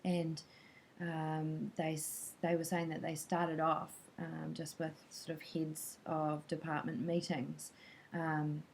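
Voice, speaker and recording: A woman's voice: low voice, creaky, darkish tone, a little hiss or hum, rough recording. A woman casually recapping a talk she attended, chatty and hesitant with many filler sounds. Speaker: vlogger recapping a conference talk.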